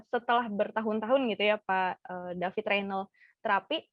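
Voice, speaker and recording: A woman's voice: fairly high pitch, no room sound. A woman hosting a casual podcast interview, chatty with many fillers and affirming murmurs. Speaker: podcast host. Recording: dull dry lo-fi sound.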